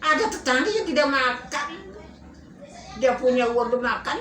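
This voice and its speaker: A man preaching in a storytelling sermon, animated and rising to emphatic bursts. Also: very high voice, moderate pace, a little hiss or hum. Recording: roomy echo, faint ambience.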